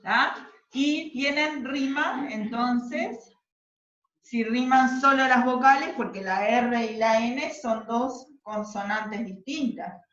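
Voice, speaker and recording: A woman's voice: on the high side, slow, fairly bright tone. A woman teaching a class, patiently explaining step by step and often checking that the students follow. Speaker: literature teacher. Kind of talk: classroom lesson. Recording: roomy, distant, dull classroom recording.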